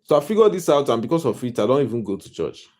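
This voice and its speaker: Here the Nigerian-accented man talks fast and very animatedly at a medium pitch, his tone darkish. It's a loose, at-home live-stream monologue in life-coach mode, full of repetition, digressions, and wry jokes.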